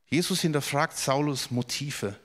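A man preaching a sermon, earnest and direct, repeating words for emphasis and dropping to a soft voice for quoted questions. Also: a little high, a little slow.

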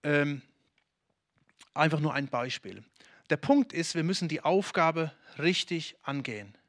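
A man from Germany delivers a lively sermon and talks directly to his listeners. His voice sits a little high for a man. The sound is dry and close, with no room echo. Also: a little slow. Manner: lively preaching with many restarts and direct address to the congregation. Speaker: pastor.

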